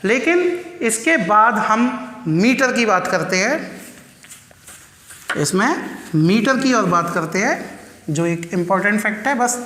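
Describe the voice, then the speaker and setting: A man teaching an exam-prep class, his voice bright and forceful. He keeps firing rhetorical questions at his students and answers them himself, counting things out slowly and with emphasis. The sound rings around a reverberant room. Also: high voice. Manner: slow, emphatic counting and spelling out terms.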